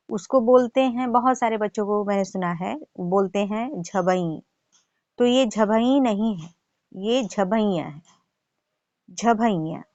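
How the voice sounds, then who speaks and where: A woman's voice: fairly high pitch, no echo, dull audio. A woman teaching a grammar lesson, reciting and correcting pronunciation syllable by syllable. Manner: careful drawn-out syllable-by-syllable pronunciation drills. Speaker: Sanskrit teacher.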